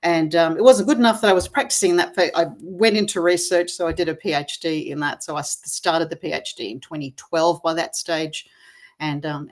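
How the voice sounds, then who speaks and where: Low-voiced Australian woman, reflective. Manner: reflective, with many fillers and restarts. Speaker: interview guest, gamification expert. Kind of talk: conversational interview over video call.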